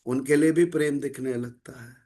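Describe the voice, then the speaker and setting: A middle-aged man giving a calm, measured spiritual talk to listeners, mixing in English phrases. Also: medium pitch. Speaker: spiritual speaker.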